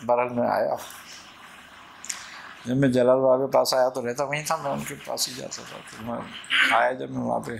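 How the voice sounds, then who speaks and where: A man with a gravelly, creaky voice tells a spiritual story as a Sufi sheikh, animated and lively, acting out each character's lines. His pitch sits in the middle range, and faint noise runs under the recording. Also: moderate pace, pauses often. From Pakistan. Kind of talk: storytelling talk.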